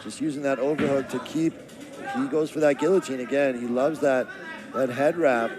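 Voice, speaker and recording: A man giving live MMA play-by-play commentary in a measured, descriptive announcer style. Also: mid-range voice, steady tone. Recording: crowd noise and music behind. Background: arena crowd and music.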